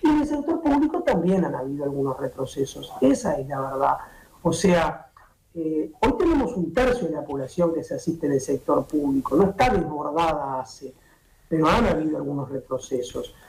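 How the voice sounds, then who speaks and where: His pitch on the high side with big swings, a middle-aged Uruguayan doctor speaks at normal speed in Uruguayan Spanish as a streaming-show guest. Calling in by laptop or webcam from a home office, he explains at length with many restarts and fillers. The audio is echoey, with a crowd audible in the background.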